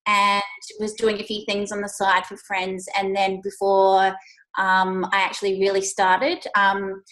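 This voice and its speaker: A woman's voice: mid-range voice, completely flat delivery, unhurried, fairly bright tone. Aussie woman in her 30s chatting away, lots of ums, laughs a bunch. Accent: Australian. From Australia. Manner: chatty, laughs often, many fillers. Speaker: guest, agency owner. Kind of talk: casual interview over a call.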